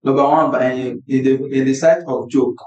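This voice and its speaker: Halting man, distant and echoey. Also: mid-range voice, fairly even intonation, a little mellow. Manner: halting, repeating phrases. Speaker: guest giving advice. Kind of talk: casual chat. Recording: distant, echoey, dull microphone.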